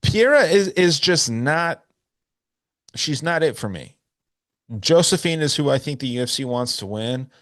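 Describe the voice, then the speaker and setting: A man's voice: fairly low pitch, a bit bright. Loose-talking man hosting a podcast. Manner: loose, profane, talks through picks. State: drinking whiskey, hiccuping. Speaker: podcast host. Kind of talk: casual chat.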